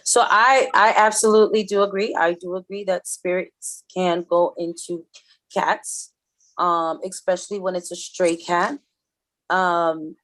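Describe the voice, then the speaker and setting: A woman's voice: lowish voice, no room sound. A woman co-hosting a casual spiritual talk show, emphatic and given to repeating her points. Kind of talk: casual chat, live reading session.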